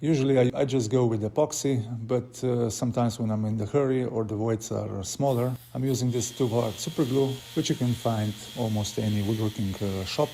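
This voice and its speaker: A Slovenian woodworker hosting his own channel narrates his workshop projects in English with a Slovenian accent. He speaks in a plain, earnest way with small slips, slightly broken phrasing, and frequent "uh" fillers. His mid-range voice is dark and brisk, with few pauses.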